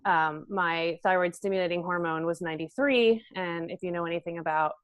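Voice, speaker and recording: A woman in her thirties talks as a guest in an interview, earnest and loose, with plenty of "um" and "like." Her voice sits a little low. The sound is dry and close, with no room in it. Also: fairly quick, fairly bright tone, no echo. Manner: earnest, frequent fillers like "um" and "like". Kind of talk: casual interview conversation.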